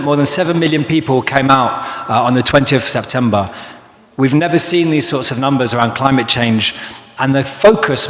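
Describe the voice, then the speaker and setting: A man from London with a London accent, moderating a live panel, talking quickly with fillers. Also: mid-range voice, fairly bright tone. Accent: London English. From London, England. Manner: quick talker with frequent fillers. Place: large echoey hall. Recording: echoey hall with long reverb.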